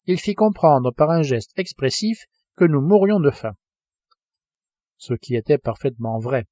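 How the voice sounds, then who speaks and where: A man narrating an audiobook with a measured, expressive delivery. His voice is of middle pitch and sounds close, with a dry, unechoing room. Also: dry recording. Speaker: audiobook reader.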